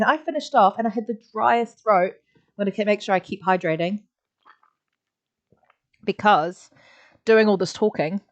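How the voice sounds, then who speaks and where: A woman teaching a live online drawing lesson, chatty and encouraging, making little sound effects as she draws. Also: mid-range voice. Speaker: art teacher. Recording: slightly dull lo-fi audio.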